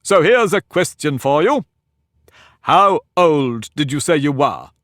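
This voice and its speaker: A man's voice: on the high side, big pitch swings, slow pace, fairly bright tone, no room sound, studio quality, heavily acted. A man voicing a pompous, touchy talking egg in a storybook reading, boastful and argumentative. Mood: lordly. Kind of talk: audiobook character reading.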